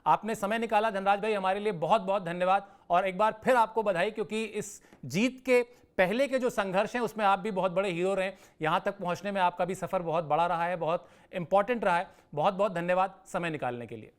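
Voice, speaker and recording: A male sports reporter interviewing a guest, asking measured questions and thanking him formally. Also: high voice, clean tone.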